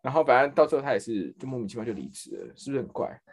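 Animated fast-talking Taiwanese man. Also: breathy edge. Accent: Taiwanese Mandarin. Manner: animated, acts out quoted people with big pitch jumps. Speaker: podcast co-host. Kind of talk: casual storytelling chat.

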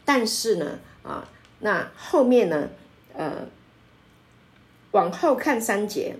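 A woman pastor teaching a Bible study, emphatic and lively, with frequent filler sounds and light laughs. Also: mid-range voice, takes it slowly. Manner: laughs often while explaining.

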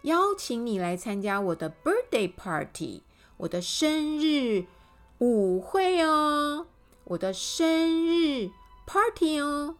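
A woman voicing a cheerful, party-loving man in a children's storybook, talking loudly and exclaiming. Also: mid-range voice, very animated, measured pace, soft background music. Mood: excited. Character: cheerful man who loves parties.

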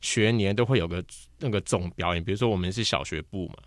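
A young man from Taiwan, a guest on a casual podcast chat, telling animated stories about his acting past. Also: sits low, fast, dry recording, studio quality. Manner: animated storyteller who slips into mimicked voices.

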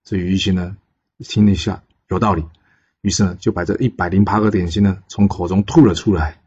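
A man with a deep, husky voice tells an old legend in a chatty way, tossing questions at the listener. The sound is muffled and lo-fi. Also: steady tone, fairly quick, darkish tone. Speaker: storyteller. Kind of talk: casual storytelling of a folk legend.

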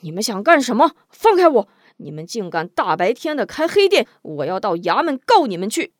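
A woman reading a story, voicing a rough male outlaw who shouts and scoffs. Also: high-pitched, very animated, brisk, dry recording, studio quality. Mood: angry shouting. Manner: shouting, scornful. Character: brash rough male outlaw, loud and scornful.

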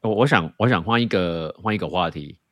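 A lower-voiced male podcast host nudges his guests with playful, teasing questions. His voice is dry and close-miked, with no room echo. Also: brisk, a bit bright. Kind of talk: casual chat.

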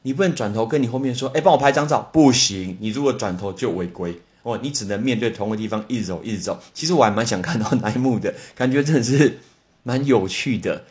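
A man with a Taiwanese Mandarin accent hosting a casual solo podcast lesson, chatting with lively exclamations and spelling out English words letter by letter. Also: lowish voice, fast.

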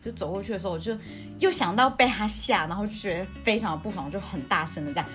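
Woman, podcast co-host, fast, animated, laughing storyteller, background music. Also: medium pitch. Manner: animated, laughs often, acts out quoted lines. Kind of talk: casual storytelling chat.

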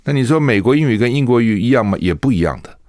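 A man's voice: medium pitch, expressive, very fast, a little mellow, dry recording, studio quality. A man from Taiwan, hosting a radio talk show and arguing his point with one rhetorical question after another. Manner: argumentative, keeps asking rhetorical questions. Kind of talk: opinionated radio commentary. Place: radio studio.

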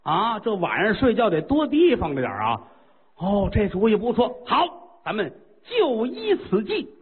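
A man's voice: high-pitched, wildly swooping pitch, normal speed, pitched above the performer's own voice. A man voicing an anxious, cunning newly crowned king in a told story. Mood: fretting. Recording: tinny phone-like sound.

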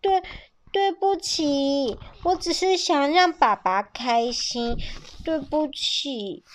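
A high, childlike baby ankylosaur, as a woman storyteller puts it on, sweet and clingy with a pleading little voice. It belongs to a read-aloud picture book, eager and adoring. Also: a little slow. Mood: apologetic.

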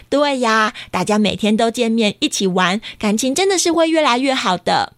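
A woman reading a picture book to children, lively and coaxing, asking them questions. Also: a little high, moderate pace, dry recording, clean studio sound. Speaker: children's storyteller.

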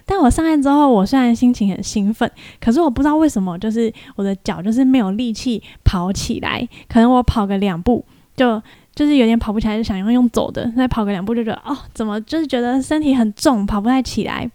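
A woman's voice: on the high side, quick pace, dark tone, dry recording. A young woman hosts a podcast, telling a story in a casual, chatty way and mimicking other people's voices in quoted lines. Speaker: podcast host.

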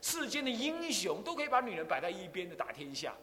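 An older man, a Buddhist abbot, giving an animated dharma lecture full of rhetorical questions. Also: high voice, fast. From Taiwan. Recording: long hall reverb.

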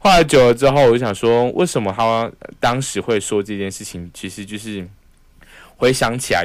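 A young podcast host with a Taiwanese Mandarin accent casually tells a personal story, animatedly acting out the voices he quotes. His voice is fairly low, with no room sound.

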